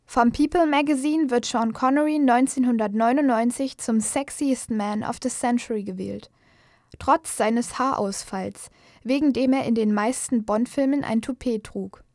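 A woman narrates a scripted news portrait. Her voice is a little high and recorded very dry in a studio. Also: normal speed, darkish tone, no room sound.

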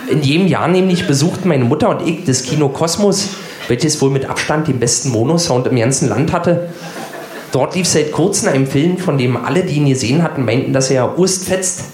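A man's voice: medium pitch, darkish tone. Man in his forties from East Berlin, mid voice in a roomy space, wry ironic storyteller. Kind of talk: comic storytelling.

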